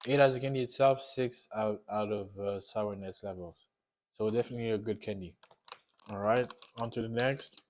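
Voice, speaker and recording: A man's voice: lowish voice, normal speed, darkish tone, a little hiss or hum. A man giving a casual, unscripted taste-test review while eating sour candy, often repeating and rephrasing himself.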